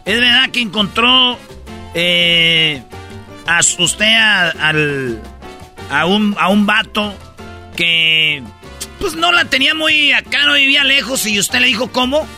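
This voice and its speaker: A man voicing a dim, slow-talking male sidekick who asks hesitant, halting questions in a radio comedy bit. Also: sits high, bright, forceful tone, soft background music, pitched above the performer's own voice, full character voice. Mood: puzzled.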